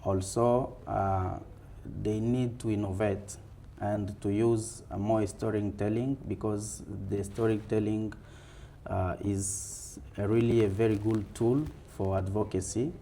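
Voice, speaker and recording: An African-accented man gives interview answers in a fireside chat. His voice is low and soft-edged, and he speaks slowly and deliberately, with pauses. Faint room noise sits behind him. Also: level tone. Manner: halting, deliberate.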